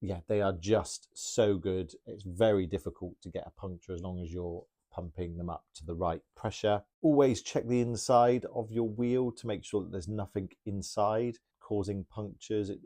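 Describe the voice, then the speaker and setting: A man's voice: low voice, warm tone. A man who works as a bike mechanic, chatting casually and enthusiastically through viewer questions, rambling a little with restarts. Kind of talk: casual Q&A talk.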